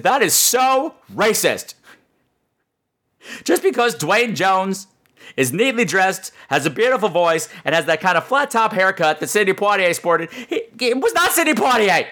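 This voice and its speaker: A man with a high, sharp voice hosts a podcast, telling a casual, comedic story as a monologue. He rambles, throws in sarcastic asides, and swears now and then.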